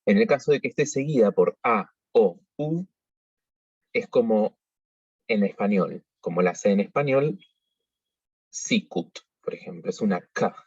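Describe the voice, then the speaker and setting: A man teaching pronunciation in a measured, explanatory way, pausing often to think. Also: fairly low pitch, lively intonation, a little mellow, breathy edge, no room sound. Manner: measured, explanatory, with frequent hesitations. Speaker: liturgical singing workshop teacher. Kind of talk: pronunciation tutorial. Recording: dull lo-fi recording.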